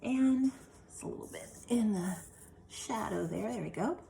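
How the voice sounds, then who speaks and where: A woman's voice: mid-range voice, animated, unhurried, vocal fry, mellow, a little hiss or hum. A woman teacher giving a remote phonics lesson, patiently asking questions and answering them herself. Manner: patient, asks and answers her own questions.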